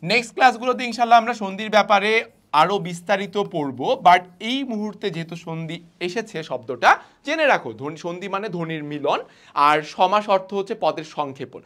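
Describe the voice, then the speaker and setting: A young man teaching an online grammar class. He asks the students questions, answers them himself and repeats the example words slowly. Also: high voice, lively intonation, fairly bright tone.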